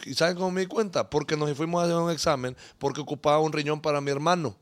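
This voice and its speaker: A man in his forties with a Honduran accent hosts a casual podcast. He tells stories in an animated, slang-heavy way. His voice sits a little high for a man. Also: fast talker. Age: 40s. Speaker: podcast host. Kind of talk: casual chat.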